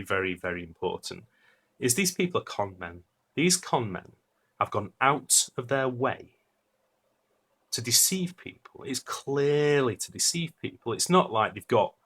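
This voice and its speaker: A man's voice: on the low side, fairly bright tone, slightly rough. A man giving a casual, rambling technical monologue debunking a conspiracy video, blunt and scornful, with many fillers. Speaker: debunking commentator.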